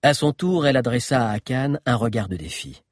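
A man narrating an adventure audiobook in an expressive storytelling manner. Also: mid-range voice, fairly quick, no room sound, clean studio sound.

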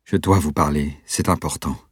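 Un jeune homme inquiet et sincère, qui hésite et plaide, porté par un lecteur à la voix très grave et voilée. Le son est sec et tout proche, comme dans un livre audio de studio. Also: male voice, a bass voice, fairly even intonation, normal speed, breathy edge, no room sound. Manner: hesitant, pleading. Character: young Dutch man, anxious and earnest. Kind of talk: audiobook reading.

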